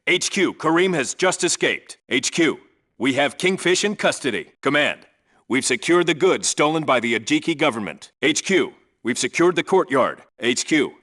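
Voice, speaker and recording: A man voices a tough, disciplined special forces squad leader in a military video game, delivering clipped radio reports and orders with crisp, businesslike authority. His voice is on the high side, bright and forceful, with lively intonation at normal speed.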